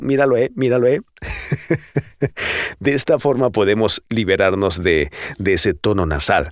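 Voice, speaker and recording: A man's voice: sits low, no room sound, clean studio sound. Congested man teaching voice technique. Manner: animated, demonstrates voice techniques. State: congested with a cold. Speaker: voice coach podcaster. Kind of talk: casual instructional podcast. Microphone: close studio microphone.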